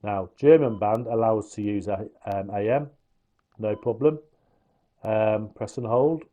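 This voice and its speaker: A man reviews radio gear informally, demonstrating the product and explaining its features in a matter-of-fact way. His voice is on the low side, unhurried and mellow.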